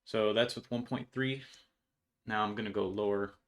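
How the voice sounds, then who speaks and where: In a room at home, a young adult programmer walks through his project's code informally, in an offhand and slangy manner. His lowish voice keeps a steady tone at normal speed.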